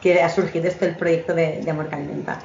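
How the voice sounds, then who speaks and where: A woman in her thirties from Catalonia, a guest telling her story in a relaxed interview, reflective and full of small restarts. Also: low voice, fast talker, vocal fry, a little hiss or hum. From Catalonia, Spain. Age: 30s. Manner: warm, reflective, many fillers and restarts. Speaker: guest, entrepreneur. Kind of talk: conversational interview. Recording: roomy, dull lo-fi sound.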